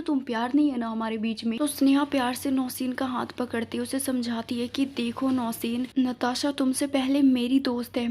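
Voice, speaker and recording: Woman telling a story, fairly high voice. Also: warm tone. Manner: conversational, plain storytelling. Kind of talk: storybook narration.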